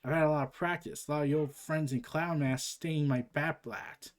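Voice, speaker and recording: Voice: medium pitch, a little fast, voice pushed down, close to an everyday voice. A comic book reader putting on the voice of a manic, cheerful female antihero who teases and rambles. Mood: teasing. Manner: bubbly, teasing, rambling. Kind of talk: comic book read-aloud.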